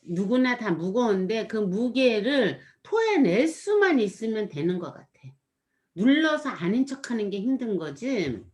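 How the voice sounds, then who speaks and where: A woman with a fairly high voice talks casually, retelling a scene in a rambling way. She fills her speech with small repeated fillers, and her tone stays gentle and reflective. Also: sing-song, measured pace. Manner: rambling, full of "이렇게" fillers. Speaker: storyteller recounting a performance. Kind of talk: casual chat.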